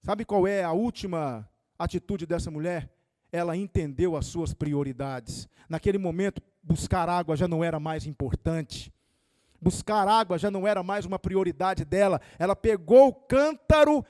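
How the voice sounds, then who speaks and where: A man's voice: high-pitched, expressive, measured pace, darkish tone, no echo, studio quality. A male pastor, preaching an impassioned sermon that swells and drops. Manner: impassioned, rising and falling dynamics.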